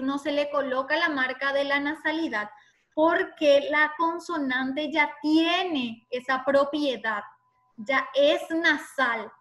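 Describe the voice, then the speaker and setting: Woman teacher on an online class, high bright voice, slow patient delivery, sounds spelled out.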